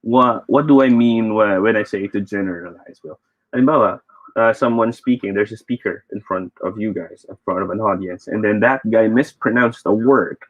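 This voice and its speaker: A man's voice: on the low side, normal speed, no echo, narrow, tinny audio. A man with a Filipino accent teaching an online speech class, chatty and encouraging, switching between English and Tagalog as he reads out viewer comments.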